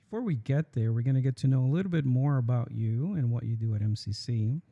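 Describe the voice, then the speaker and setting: A man's voice: medium pitch, quick pace, creaky, mellow, lo-fi sound. A man hosting a campus podcast, introducing guests in a friendly way with fillers. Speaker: podcast host. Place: campus studio.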